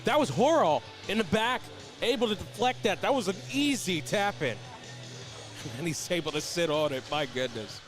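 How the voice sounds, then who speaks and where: Male hockey analyst, high voice, conversational and colloquial commentary over background music. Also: expressive, moderate pace. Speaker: color commentator. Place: live at an ice rink.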